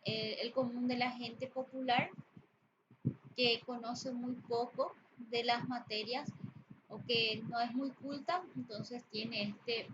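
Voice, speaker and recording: Slow-talking woman teaching a class. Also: a little high, steady tone. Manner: slow, explanatory, with fillers. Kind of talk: spoken grammar lesson. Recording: dull lo-fi audio with background noise.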